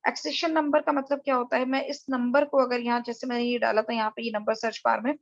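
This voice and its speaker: A woman with a high voice walks through a tutorial lecture, explaining each step to her viewers. Her voice is close and dry, with a dull, lo-fi quality to the recording. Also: little pitch movement, fast talker, no room sound.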